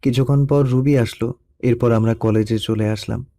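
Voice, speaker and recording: A young man narrating a first-person love story in a soft, melancholy storytelling manner. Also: medium pitch, fairly even intonation, normal speed. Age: young adult.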